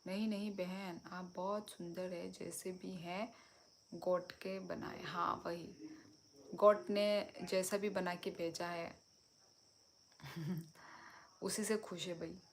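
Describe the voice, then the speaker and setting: A young woman from Tripura talks slowly in a fairly low voice on a phone live stream. She chats warmly with viewers and answers their comments one by one. Faint crickets sound in the background. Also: steady tone, a little hiss or hum. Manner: chatty, reads and answers viewer comments, switches languages.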